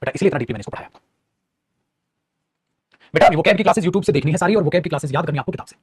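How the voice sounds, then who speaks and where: Fast, high, husky male grammar teacher, playful, dry close sound. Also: no echo. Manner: animated, calls students "beta", teasing jokes, acts out student questions. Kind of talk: energetic classroom lecture.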